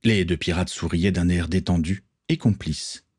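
A man narrating a story in a steady audiobook reading. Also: deep voice, moderate pace, breathy edge.

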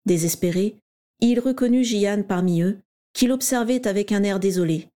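A woman reading a story aloud in a steady, even storytelling manner. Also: mid-range voice, moderate pace. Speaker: narrator. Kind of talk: scripted story narration.

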